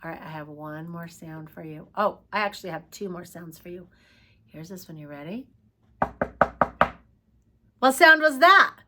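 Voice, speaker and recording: A woman teaching preschoolers, talking slowly in a coaxing, sing-song way as she asks questions and praises answers. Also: lowish voice, lively intonation, bright, forceful tone. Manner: slow, sing-song, coaxing talk to small children. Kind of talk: children's lesson.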